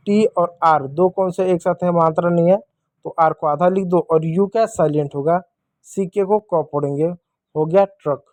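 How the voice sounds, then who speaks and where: Patient male teacher spelling slowly. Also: on the high side, a little mellow, no room sound. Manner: patient, spells words letter by letter; repeatedly addresses the children. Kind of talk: children's reading lesson.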